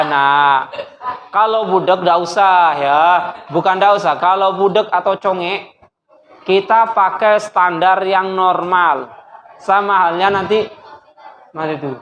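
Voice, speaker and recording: A male teacher giving a classroom lesson, lively and teasing, quizzing his students and mimicking their questions. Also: high-pitched, slow pace, pauses often, highs cut off. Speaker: religious studies teacher. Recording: echoey classroom with faint noise.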